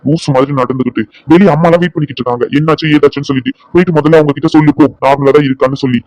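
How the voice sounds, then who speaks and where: A man's voice: a little high, fairly even intonation, darkish tone, no room sound, natural voice, low-quality recording. A man doing a blunt scolding doctor friend. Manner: brisk, teasing and scolding, fast bursts. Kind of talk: cartoon drama voice-over.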